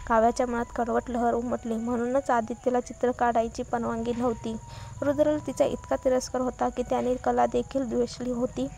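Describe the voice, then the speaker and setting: A woman narrating a serial romance story in an even, flat reading voice. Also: on the high side, fairly quick, vocal fry, slight background noise.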